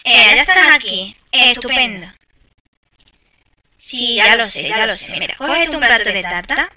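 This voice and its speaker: A woman's voice: a little high, expressive, a little slow, bright, forceful tone, recorded from a distance. A woman giving casual gameplay commentary, chatting to viewers with exasperated asides. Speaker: gameplay streamer.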